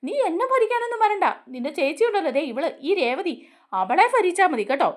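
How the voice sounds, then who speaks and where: A woman's voice: very high-pitched, very animated, a little fast, voice pushed up. A woman voicing an angry young man from a TV serial, accusing and raising her voice. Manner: accusing, raised voice.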